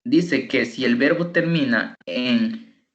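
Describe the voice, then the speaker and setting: Slow, deliberate male tutor in echoey room. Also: mid-range voice, dull audio. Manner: slow, deliberate, repeats words for pronunciation drills. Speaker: English tutor. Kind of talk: online class teaching. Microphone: computer microphone.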